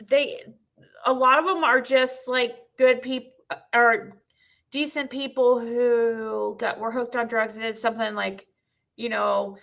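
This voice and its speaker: Squeaky, gravelly-voiced woman streamer. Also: level tone, slow pace, a bit bright. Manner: blunt and dismissive, rambling. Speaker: streamer reading chat. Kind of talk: casual live-stream commentary. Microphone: cheap twelve-dollar mic.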